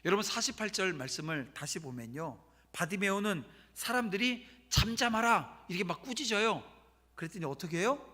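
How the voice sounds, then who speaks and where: A man's voice: sits high, animated, brisk, bright, forceful tone. A man preaching a sermon as pastor, emphatic and asking the congregation rhetorical questions. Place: church sanctuary. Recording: long church hall reverb.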